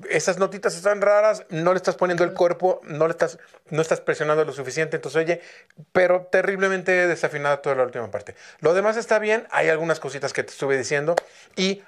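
A man's voice: on the high side, quick pace. A man working as a singing teacher, giving feedback in a vocal coaching session and repeating instructions insistently.

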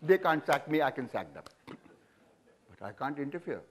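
An unhurried, medium-pitched man in his seventies speaks with an Indian English accent as a guest in an on-stage interview. A business leader, he's recorded on a lapel mic in an auditorium. He comes across frank and animated, chuckling and gesturing expansively with his hands.

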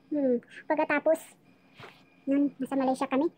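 A woman's voice: high-pitched, level tone, moderate pace, a little mellow. A woman casually telling her life story on a live chat, rambling and emotional, often restarting her sentences.

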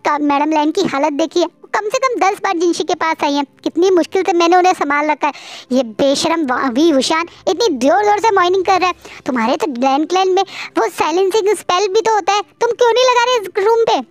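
A woman's voice: very high-pitched, a little fast, no room sound, pitched above the performer's own voice. A woman voicing an irritable young man who complains in frustration in a storybook reading. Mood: frustrated.

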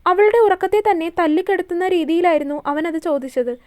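A woman narrating a romantic serial story in a soft, steady storytelling manner. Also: very high-pitched, brisk.

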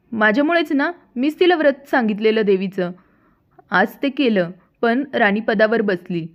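A woman's voice: fairly high pitch, highs cut off, lightly acted. A woman voicing an angry old beggar woman who is a goddess in disguise, scolding bitterly in a folk tale.

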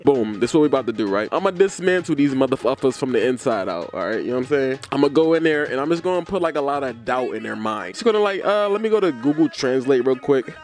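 Animated joking male YouTuber. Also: medium pitch, fast, few pauses. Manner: animated, joking, rambling, swears. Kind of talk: comedic vlog.

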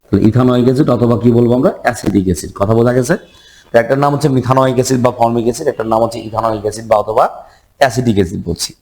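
A male chemistry teacher gives a patient lesson in a voice of ordinary middle pitch. He keeps asking his students questions and then answers them himself. He repeats each important term so that it sinks in. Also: very fast, a little mellow. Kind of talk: classroom lecture.

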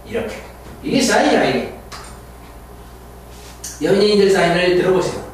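A man teaching English phrases, repeating them slowly and deliberately. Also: sits high, very animated. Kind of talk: language lesson explanation. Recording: roomy, distant mic, faint hiss.

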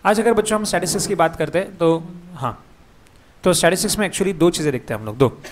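A fairly high-pitched man with an Indian accent leads an exam revision class. He repeats the key terms and keeps asking his students quick questions, over a faint ambient hiss. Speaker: teacher.

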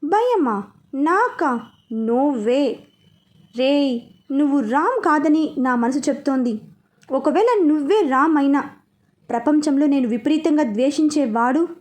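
A woman's voice: high-pitched, lively intonation, measured pace, pauses often, a little mellow. A woman voicing a scheming, sarcastic middle-aged man in a read-aloud story. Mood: defiant. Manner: taunting, sarcastic.

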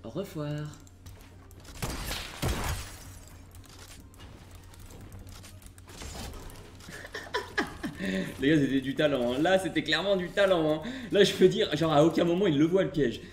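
A man from Burgundy streams a game live and talks to his viewers the whole time, joking, hyping himself up and swearing in a friendly way. His voice sits a little high. The room is echoey, and steady noise runs under everything. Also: fast, hardly any pauses. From Burgundy, France. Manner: playful, excitable, swears casually. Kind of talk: live gaming commentary.

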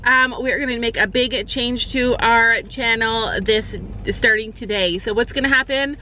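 A woman's voice: on the high side, measured pace, pushed and bright, slight background noise, low-quality recording. A woman in her forties talking casually to viewers from a car, filmed on a phone held at arm's length. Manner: chatty, addresses viewers directly. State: out of breath on the hill. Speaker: family vlogger. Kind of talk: casual vlog talk to camera. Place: inside a car, and outdoors on a farm field.

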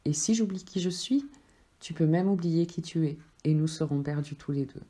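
A woman voicing a gentle, loving soul that speaks softly and patiently. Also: low voice, normal speed. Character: gentle, loving friendly soul, calm and tender.

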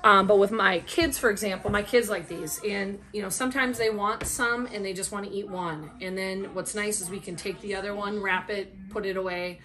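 A middle-aged woman speaks informally and at some length in a casual product review, seated at a table in a small room at home with the camera a little way across the table. Her medium-pitched voice is steady and sharp-toned, moderately paced with hardly any pauses.

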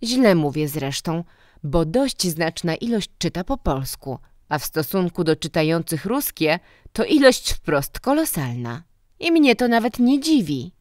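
A woman's voice: lowish voice, very animated, a little slow, darkish tone, dry recording, studio quality. A woman reading a story voices a stern, mocking middle-aged man, a school director who scolds and lectures. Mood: scornful.

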